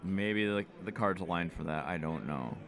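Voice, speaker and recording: A man's voice: low voice, animated, moderate pace, fairly bright tone. A man co-hosting a livestream, joking and teasing his co-host in casual chat. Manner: joking, teasing, egging others on.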